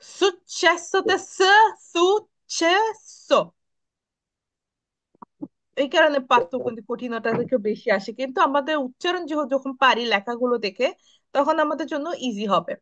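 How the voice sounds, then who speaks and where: A woman's voice: sits high, expressive, brisk, fairly bright tone. A woman teaching Italian pronunciation on a video call, patiently repeating sounds for students to echo. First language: Bengali. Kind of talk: online class, pronunciation drills.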